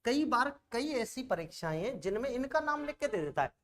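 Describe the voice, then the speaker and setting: A man's voice: very high-pitched, big pitch swings, brisk, a bit bright. A male teacher giving an online exam-prep coaching lecture, chatty and always checking in with students through rhetorical questions.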